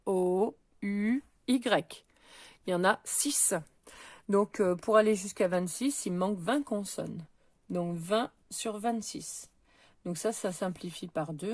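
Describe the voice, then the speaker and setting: Woman teacher going over exercises slow and patient, lots of euh and donc, dry close sound. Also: on the low side, no echo. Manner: patient, talks while counting and pointing things out, frequent "euh" and "donc". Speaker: middle school math teacher. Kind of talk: recorded lesson, correcting exercises aloud.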